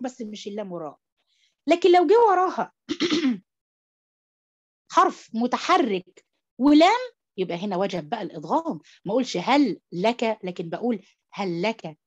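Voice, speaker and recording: Animated Egyptian woman teaching tajweed. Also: sits high, muffled recording. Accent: Egyptian Arabic. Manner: animated, coaxing students with questions. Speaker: Quran recitation teacher. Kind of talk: online tajweed class, mixing Arabic and English. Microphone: computer mic on an online call.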